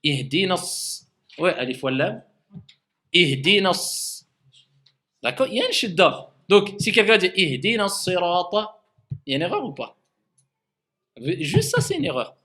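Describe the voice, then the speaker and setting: Lively, bright-voiced male recitation teacher. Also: sits high, moderate pace. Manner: demonstrative, repeats sounds to show articulation, questions the class. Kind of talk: classroom lesson on tajwid.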